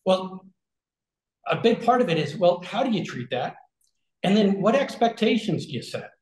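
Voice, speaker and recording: Man, forties, webcam call, roomy small office, fairly high voice, chatty explaining, fillers and restarts. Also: sing-song, normal speed, darkish tone. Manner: conversational, many fillers and restarts, talks with his hands. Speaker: regenerative health concierge. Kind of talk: casual explanatory talk on a video call. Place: small room with shelves, indoors. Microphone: video call webcam. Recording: echoey room.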